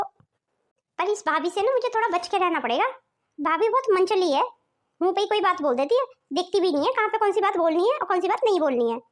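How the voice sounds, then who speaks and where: A woman voicing a scheming, sweet-talking teenage daughter in a cartoon story. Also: extremely high pitch. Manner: wheedling, coaxing.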